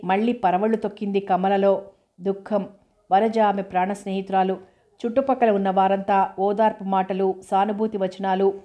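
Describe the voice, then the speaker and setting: A female audiobook narrator reads a novel in a steady, measured voice of medium pitch.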